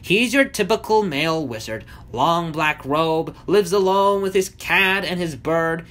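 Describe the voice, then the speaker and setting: A man doing a high, jittery clumsy Smurf. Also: animated, measured pace, fairly bright tone. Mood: chatty. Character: nervous clumsy male Smurf.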